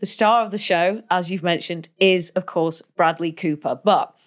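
A woman's voice: fairly low pitch, moderate pace. Chatty woman reviewing a film. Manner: chatty, laughs easily, lots of fillers. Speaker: podcast co-host. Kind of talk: casual film review chat.

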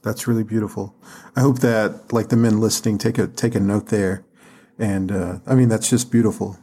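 A man's voice: on the low side, steady tone, normal speed, mellow, slightly rough. A man hosting a faith podcast, asking thoughtful questions and affirming his guest. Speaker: podcast host. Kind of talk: interviewing on faith and marriage.

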